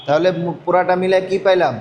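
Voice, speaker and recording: A man's voice: high-pitched, fairly even intonation, fast talker, a little mellow, a little hiss or hum. Man teaching, asking questions and repeating. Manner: asks the class questions and repeats answers. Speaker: Quran reading teacher. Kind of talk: classroom lesson.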